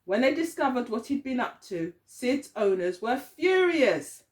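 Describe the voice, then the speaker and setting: Reading a picture story to young kids, this female teacher is expressive and keeps pausing to question her listeners. She pitches her voice high, in a sing-song way.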